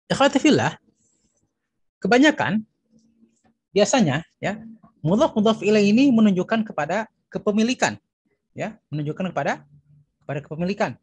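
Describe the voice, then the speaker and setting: An Indonesian man teaching Arabic grammar, repeating each term and filling pauses with "ya" and "nah". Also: high voice, very animated, husky, dry recording, rough recording. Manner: repeats terms, fills with "ya" and "nah". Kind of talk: recorded grammar lesson.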